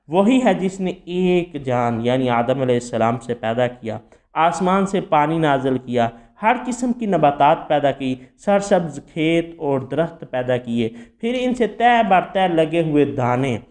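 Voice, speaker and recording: A man with a Pakistani Urdu accent giving a measured, explanatory Quran commentary lecture. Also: a little high, a little mellow. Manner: explanatory, measured, lists many names one by one. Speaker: religious commentator.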